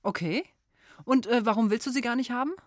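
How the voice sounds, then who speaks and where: A woman's voice: fairly high pitch, brisk, no echo, clean studio sound. A woman hosting a children's call-in quiz on the radio, friendly and encouraging with young callers. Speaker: radio show host.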